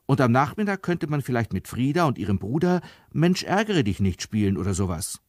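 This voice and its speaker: A man's voice: medium pitch, big pitch swings, fairly quick, no echo. An eager young boy pleads earnestly with his father, keeping his voice hopeful, as a man reads his lines. The sound is dry and close.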